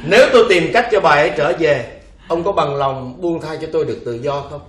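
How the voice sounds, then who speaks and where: An actor playing a clever male slave in a comic stage play, calm and firm when bargaining. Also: fairly high pitch, a little fast, natural voice. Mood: insistent. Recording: echoey stage.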